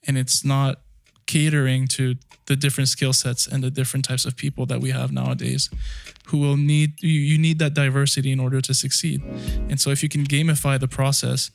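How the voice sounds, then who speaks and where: A man's voice: mid-range voice, flat delivery, a little fast, creaky, faint music behind. A young man who grew up in France, co-hosting a podcast, talking things through with thoughtful restarts. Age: young adult. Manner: thoughtful, restarts phrases while explaining. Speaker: podcast co-host. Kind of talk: casual discussion.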